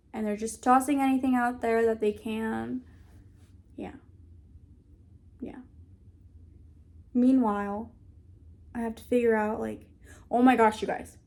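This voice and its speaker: A woman's voice: fairly high pitch, a little mellow. A young woman vlogging in a casual, rambling way, often stopping to search for words and restarting her sentences. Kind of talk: casual talk to camera.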